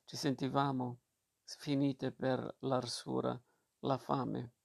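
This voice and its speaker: Gravelly, flat-voiced male narrator. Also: medium pitch. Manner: steady, measured reading with occasional slips. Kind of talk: audiobook reading of a novel.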